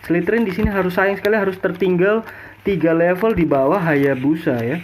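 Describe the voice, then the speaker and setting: A man commentating an esports match in an excited game announcer style, repeating names and throwing out rhetorical questions. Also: high voice, fairly quick, a little hiss or hum, rough recording.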